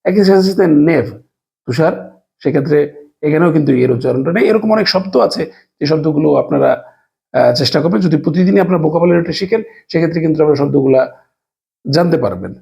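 Gravelly Bangladeshi man teaching a lesson. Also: a little high, lively intonation, mellow. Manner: explains slowly, spells out letters, frequent fillers. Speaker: language teacher. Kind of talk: casual spoken lesson.

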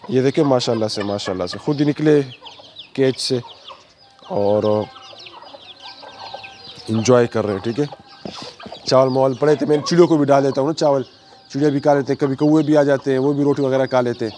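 A hoarse man, a poultry breeder chatting casually through a walkthrough and coaxing his birds. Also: medium pitch, brisk, long pauses, warm tone. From Pakistan. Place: outdoor yard by chicken cages. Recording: noisy outdoor recording with chickens. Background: clucking chickens.

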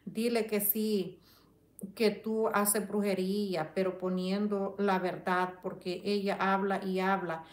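A woman's voice: medium pitch, flat delivery, slow pace, reverberant. A woman hosting a live chat, reading viewers' comments and indignantly defending herself, with religious phrasing. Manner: indignant, defends herself and addresses a rival directly; religious phrasing, prays for her audience. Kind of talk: casual live-stream chat.

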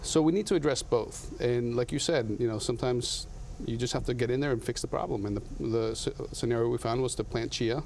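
A man's voice: medium pitch, a little fast, vocal fry, hardly any pauses, darkish tone, a little hiss or hum. A man in his thirties from Latin America, a guest in a TV studio interview, talking earnestly with frequent restarts on a lapel mic. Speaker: guest, coffee company founder.

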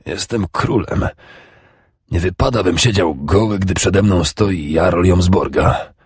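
A man voicing an old wounded Danish king who is scornful and bitter, with a rasping, contemptuous growl. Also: low voice, slow, a little mellow, no echo, studio quality, exaggerated voice.

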